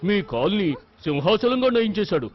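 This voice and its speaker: A man's voice: sits high, very animated, fairly quick. A man dubbing a teasing young man in a film, talking in a mock-serious way. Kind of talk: Telugu film dub. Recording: dull film soundtrack with music.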